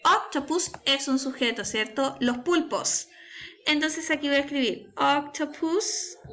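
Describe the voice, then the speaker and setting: Slow high-voiced bright woman teacher. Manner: patient, step-by-step, frequent "¿cierto?" and "¿ya?". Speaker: primary school English teacher. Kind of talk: online class explanation.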